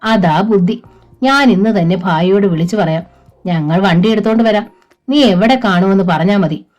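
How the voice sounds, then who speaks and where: A woman voicing a smooth-talking male recruiter who coaxes a girl over the phone. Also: mid-range voice, normal speed, a little mellow, faint music behind, lightly acted. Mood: coaxing. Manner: coaxing, persuasive.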